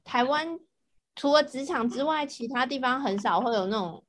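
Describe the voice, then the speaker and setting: A woman's voice: high voice, animated, normal speed, a little hiss or hum. A woman with a Taiwanese accent in casual podcast chat. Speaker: podcast speaker.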